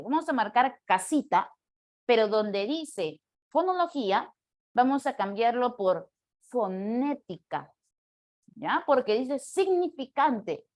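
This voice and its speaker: A woman's voice: on the high side, darkish tone. A woman language teacher going over quiz answers with her class, explaining each one patiently and often checking in with short questions to the students.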